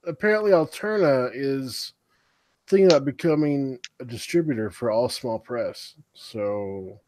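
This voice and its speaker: A man's voice: mid-range voice, unhurried, darkish tone, slight background noise. A man chatting casually as a streamer, rambling conversationally and often trailing off. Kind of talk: casual chat on a livestream.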